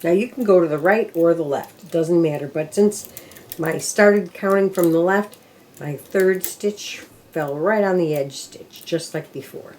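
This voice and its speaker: Counting the rows out loud, an older knitting teacher demonstrates machine knitting step by step, half talking to herself as she works. Her voice is fairly low, a little mellow and measured in pace, with slight background noise.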